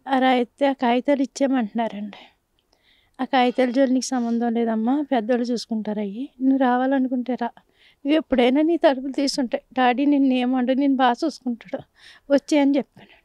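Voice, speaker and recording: A mother with a Telugu accent speaking in a news interview, grieving, halting and pleading. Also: high voice, fairly even intonation, dark tone, dry recording. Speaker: mother of the victim. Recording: dull lo-fi sound.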